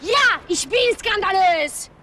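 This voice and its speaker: An actress playing a wild young woman who rants and shouts slogans in a film scene, with traffic noise outdoors. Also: very high voice, lively intonation, slow, exaggerated voice. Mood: ranting. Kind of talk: film acting.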